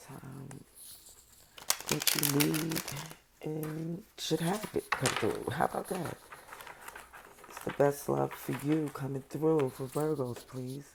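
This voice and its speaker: A woman's voice: low voice, fairly even intonation, takes it slowly, gravelly, pauses often, background noise. A woman doing a casual tarot reading, chatting to viewers in her early-morning voice and saying a short prayer. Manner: chatty, prayerful, addresses viewers warmly by sign. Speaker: tarot reader.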